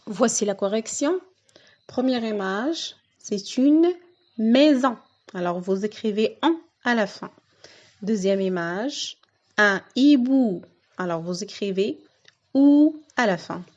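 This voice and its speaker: A woman teacher going through a reading lesson for young children, speaking slowly and carefully and stretching out the key words. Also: medium pitch, lively intonation, darkish tone. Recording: dull lo-fi sound.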